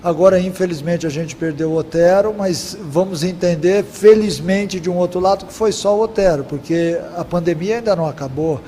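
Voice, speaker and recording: Coach guy answering press questions, slightly high voice, roomy reverb, a bit of hiss behind. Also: warm tone. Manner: measured, repeats 'é' and 'né' fillers. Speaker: football coach.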